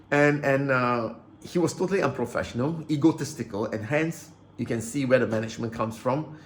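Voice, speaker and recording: Faint background noise accompanies a medium-pitched male vlogger airing his grievances to camera. He's worked up, keeps repeating himself, and stumbles over false starts in this personal rant.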